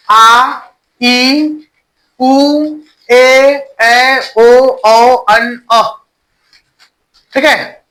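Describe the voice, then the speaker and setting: Bright-voiced Hindi grammar teacher. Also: male voice, very high-pitched, rough recording. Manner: asks questions and answers them himself, repeats key points; stretches vowels while demonstrating sounds. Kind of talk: online classroom lecture.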